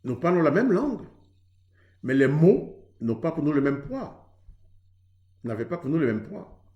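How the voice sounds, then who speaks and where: Earnest Haitian-born preacher, higher voice. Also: male voice, very animated, measured pace, darkish tone, echoey room, muffled recording. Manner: earnest, conversational, acts out both sides of a dialogue. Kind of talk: sermon on marriage.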